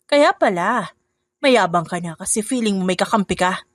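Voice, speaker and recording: A woman's voice: mid-range voice, lively intonation, normal speed, dry recording, pitched below the performer's own voice, natural voice. A woman voicing a scheming stepmother who snaps scornfully at her stepdaughter and turns sweet on phone calls. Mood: scolding. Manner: sharp, scornful, sugary when on calls.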